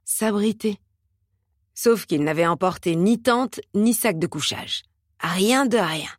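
A woman narrating an audiobook in a measured, steady reading style. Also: mid-range voice, dry recording, studio quality.

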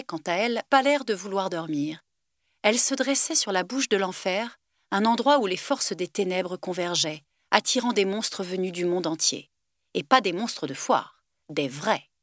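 A woman reads a novel aloud with lively expression. Her voice sits mid-range, and the recording is dry and close. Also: medium pitch, no echo. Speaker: reader. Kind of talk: audiobook narration.

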